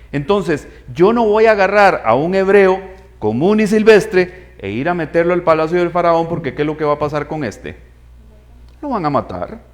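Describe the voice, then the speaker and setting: A man preaching a sermon, asking his congregation questions and acting out voices in the story. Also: fairly high pitch. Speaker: pastor.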